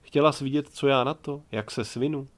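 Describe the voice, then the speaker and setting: A man voicing a male teacher who speaks quietly and with restrained bitterness. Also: mid-range voice, natural voice. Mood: subdued.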